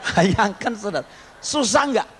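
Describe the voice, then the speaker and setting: A man's voice: high voice, animated, measured pace. A male pastor preaching a storytelling sermon, acting out the voices in his stories and joking with the congregation. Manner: dramatic, acts out quoted voices, jokes with the congregation. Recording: long hall reverb, faint background noise.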